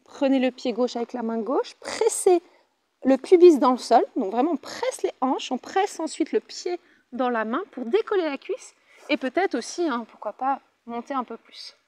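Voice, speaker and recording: A woman's voice: high-pitched, lively intonation, moderate pace, a little mellow, dry recording. A French woman with a French accent leading a Pilates class, cheerful and chatty, counting out the reps. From France. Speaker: Pilates instructor. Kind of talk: guided exercise class.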